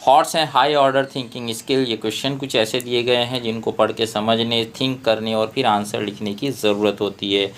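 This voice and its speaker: A man with an Indian English accent, a tutor who slowly reads out textbook exercises and explains them. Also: mid-range voice, fairly even intonation, a bit bright, slight background noise. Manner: slow, deliberate reading of English prompts, explains in Hindi.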